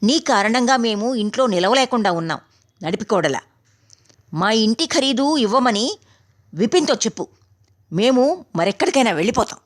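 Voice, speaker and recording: A stern elder master scolds in a raised, harsh voice, as a woman reader puts him on. His words come hard and sharp. It is an audiobook story voice. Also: on the high side, animated, normal speed, long pauses, pitched above the performer's own voice, natural voice. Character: harsh elder head of household, man.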